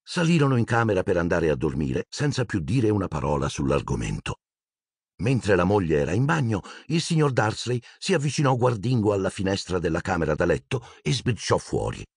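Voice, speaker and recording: A man narrating an audiobook in an expressive storytelling manner. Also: low voice, a little fast, husky, no room sound, clean studio sound. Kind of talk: scripted narration.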